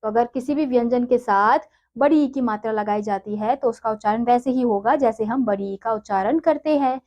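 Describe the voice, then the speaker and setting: A woman teacher giving a reading lesson to children, spelling words out syllable by syllable in a drawn-out way and then asking brisk questions. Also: on the high side, warm tone. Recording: dull lo-fi recording.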